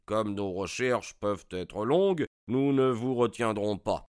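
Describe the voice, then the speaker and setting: A man voicing Sherlock Holmes as a calm, assured detective in a read-aloud story, pitching his voice up and giving it a different color. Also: a little slow, smooth, no room sound, clean studio sound, close to an everyday voice.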